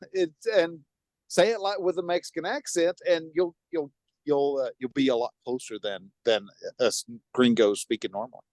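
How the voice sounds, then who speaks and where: Man, fairly high voice, animated, laughing, dry close sound. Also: normal speed, no echo. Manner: animated, laughs often, jumps between topics. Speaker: podcast co-host. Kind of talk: casual chat.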